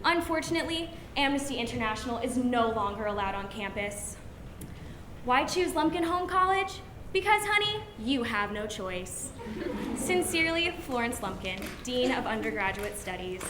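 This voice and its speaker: A young woman with a high voice declaims a comic monologue. Her elocution is prim and precise, with a deadpan, mock-formal air. The recording is echoey, with clear noise behind her. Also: moderate pace. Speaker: student declaimer. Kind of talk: scripted comic monologue recitation to an audience. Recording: noisy, echoey room recording.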